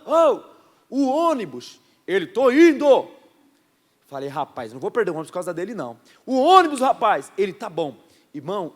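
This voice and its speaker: A Brazilian man preaching as a pastor, with a somewhat high voice. He tells stories animatedly, acting out the dialogue in raised voices and using frequent fillers. His voice carries a long reverb from a church hall. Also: a little mellow. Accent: Brazilian Portuguese. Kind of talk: sermon with storytelling.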